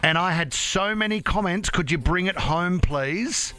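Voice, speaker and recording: A man's voice: sits high, a little slow, bright, forceful tone, clear, resonant tone, faint music behind. An Australian man hosting radio banter in a blokey, matey, tradesman-like way, full of slang and mock outrage. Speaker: radio host.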